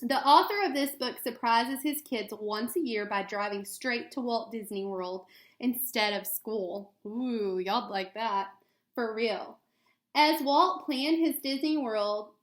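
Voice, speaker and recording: Her voice fairly high, a woman teaching elementary school reads a children's picture book expressively to young listeners, breaking off for asides to students. Echoey room acoustics surround her voice.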